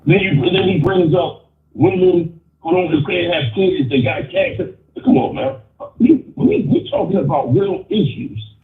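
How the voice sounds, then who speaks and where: A man's voice: sits high, expressive, a little slow. Muffled guy calling in on an earbud, tinny phone sound, echoey, keeps restarting his words. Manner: stammering restarts, blunt and opinionated. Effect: muffled phone line over an earbud. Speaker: caller. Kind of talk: opinionated call-in rant. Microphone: wireless earbud on a phone call.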